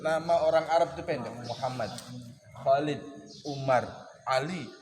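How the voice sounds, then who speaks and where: A man teaching a casual weekly religious study session, joking and teasing his listeners and clearing his throat often. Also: medium pitch, normal speed, a little mellow, slight background noise. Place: boarding school study hall. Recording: echoey hall with clear birdsong and ambience.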